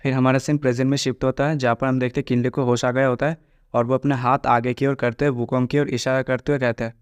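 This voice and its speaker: A man tells a story recap in a steady, even-toned narrating voice. His voice is smooth and clear, with little rise and fall in pitch. The sound is dry and close, with no room echo. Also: quick pace. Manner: flat, steady storytelling with quoted lines read plainly.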